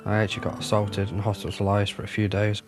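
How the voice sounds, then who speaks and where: A British man of thirty speaking seriously, with some halting starts. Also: lowish voice, completely flat delivery, over music. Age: 30s.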